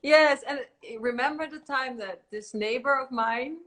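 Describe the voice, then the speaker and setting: Bright-voiced woman with a Chilean accent. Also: sits high, unhurried, a little hiss or hum. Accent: Chilean Spanish. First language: Spanish. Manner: hesitant, many fillers, giggly. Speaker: guest singer. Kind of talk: casual interview chat.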